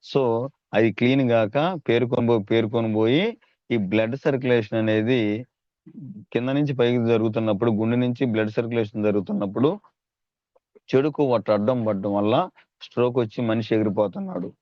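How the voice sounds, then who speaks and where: A man's voice: mid-range voice, fast, no echo. Guy giving a sales training talk, keeps asking his audience questions, dry dull recording. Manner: persuasive, repeatedly addresses listeners, asks rhetorical questions. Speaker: network marketing trainer.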